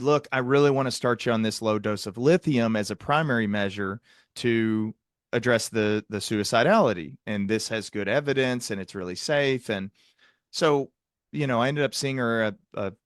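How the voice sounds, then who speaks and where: A psychiatrist hosts a podcast, leading a conversational clinical discussion in an earnest, mid-range voice at normal speed, repeating words for emphasis. The recording is dry and studio quality.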